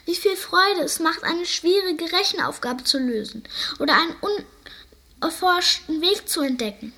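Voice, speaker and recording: A woman's voice: very high-pitched, normal speed, bright, forceful tone, voice pushed up, full character voice. Woman playing a clever know-it-all sheep. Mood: sniffling. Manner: lecturing, sniffling.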